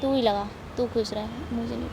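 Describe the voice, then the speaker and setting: Young woman sulking, short curt no's, mellow kinda high voice. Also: steady tone, normal speed, vocal fry, a little hiss or hum. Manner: curt and sulky, short refusals. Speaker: prank target. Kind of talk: casual conversation.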